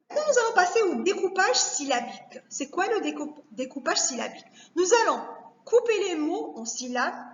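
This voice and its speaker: A woman teacher giving a recorded lesson to young children, speaking slowly and carefully, repeating each word to break it down. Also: high-pitched. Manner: slow, careful, repeats words to spell them out. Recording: echoey room, dull lo-fi sound.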